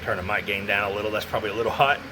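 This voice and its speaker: A radio seller gives a casual, rambling hands-on demo of a CB radio, muttering to himself as he goes. His voice is on the low side and he races along, with heavy noise in the background.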